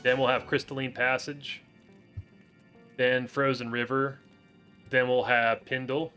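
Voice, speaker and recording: A man's voice: mid-range voice, measured pace, clean tone, faint music behind. A man streaming a game live, chatting casually with his viewers through a headset mic. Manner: relaxed, talks to viewers by name. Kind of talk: casual livestream gameplay chat.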